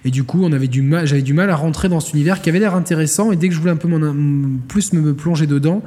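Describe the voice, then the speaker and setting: A man's voice: on the high side, racing, dark tone, long reverb tail. A man co-hosting a casual gaming podcast, rambling with many fillers and restarts. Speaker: podcast co-host.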